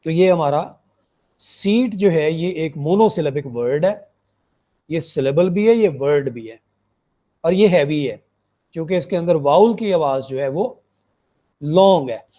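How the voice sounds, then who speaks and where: A man's voice: on the high side, expressive, a little slow, pauses often, mellow. A man giving a recorded phonetics lecture, explaining step by step, repeating points and checking that students follow. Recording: muffled lo-fi recording.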